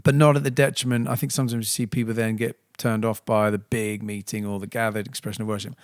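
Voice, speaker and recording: A man's voice: fairly low pitch, level tone, fast talker, dry recording, studio quality. A middle-aged man, co-hosting a podcast and telling stories with enthusiasm. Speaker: podcast co-host, church leader. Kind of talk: casual conversation.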